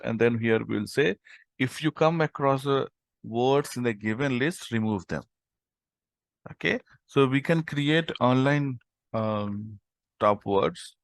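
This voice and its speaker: A man's voice: medium pitch, gravelly, no room sound. A man teaching a live coding tutorial over an online call, explaining step by step with frequent "okay" and "right?". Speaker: instructor.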